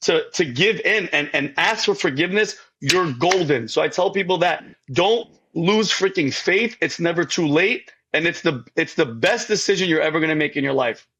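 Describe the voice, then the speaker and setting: Husky high-voiced man, rambling earnestly. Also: expressive, moderate pace, few pauses, fairly bright tone, poor audio. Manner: rambling, repeats words, keeps addressing the host by name. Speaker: guest. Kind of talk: emotional faith testimony.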